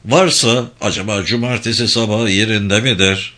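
A man's voice: lowish voice, fairly even intonation, normal speed, sharp tone. A man reading the lines of a polite Englishman from London who asks probing questions. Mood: inquiring.

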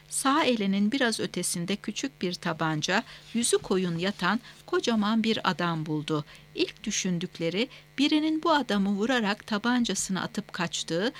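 A woman narrating a novel as an audiobook, reading in a steady, measured way with clear phrasing. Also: mid-range voice.

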